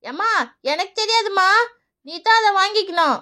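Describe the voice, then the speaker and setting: Woman putting on an old granny shopkeeper, cartoon, bossy, quick to scold, lower than her usual voice. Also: bright, forceful tone. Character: elderly grandmother shopkeeper, scolding but kind. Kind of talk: children's cartoon voice acting.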